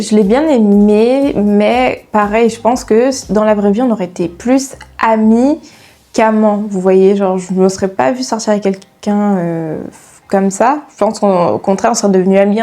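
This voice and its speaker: A young woman with a French accent, chatting casually to her viewers in an animated, giggly way. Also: mid-range voice. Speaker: YouTuber. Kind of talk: casual chat to camera.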